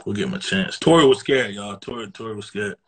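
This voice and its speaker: A man's voice: on the low side, fast talker, slightly rough. A man hosting a live comedy stream, roasting callers with teasing banter. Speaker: livestream comedy host.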